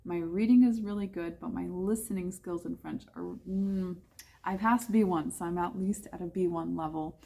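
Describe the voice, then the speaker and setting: This American English teacher's voice is lowish, gravelly and dark, holding a steady tone at a moderate pace. She chats casually to camera about her life overseas, often self-correcting with fillers.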